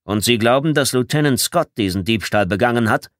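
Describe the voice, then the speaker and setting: A stern commanding officer questions his men in a curt, controlled tone. A male audiobook reader acts him out. His voice sits a touch higher and firmer than the narration, in a dry studio. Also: fairly quick, no room sound, close to an everyday voice. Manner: curt but calm. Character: gruff, controlled camp commander colonel, older man.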